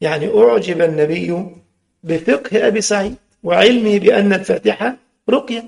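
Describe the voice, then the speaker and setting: A man's voice: sits high, brisk, vocal fry, a little mellow. A man with an Egyptian accent giving a religious lesson, mixing formal and colloquial speech and quizzing his listeners. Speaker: Islamic religious teacher.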